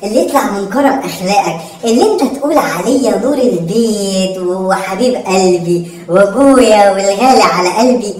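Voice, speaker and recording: A woman's voice: mid-range voice, animated, a little mellow, distant mic, lightly acted. Woman playing a greedy wheedling Egyptian son. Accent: Egyptian Arabic. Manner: wheedling, pleading, rapid-fire repetition. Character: greedy cheeky young son begging for treats. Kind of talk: home comedy sketch. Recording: echoey room, voice off-mic.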